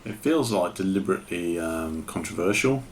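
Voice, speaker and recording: A man's voice: sits low, expressive, a little fast, slight background noise. A man chatting casually as a podcast co-host, blunt and laconic, with hesitant fillers. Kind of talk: casual chat.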